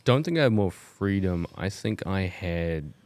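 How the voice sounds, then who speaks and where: A man's voice: low voice, measured pace, dry recording. A young man with a New Zealand accent, telling stories in a casual podcast chat, tagging lines with "bro" and "right?". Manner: animated storytelling, says "bro" and "right?". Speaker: podcast co-host.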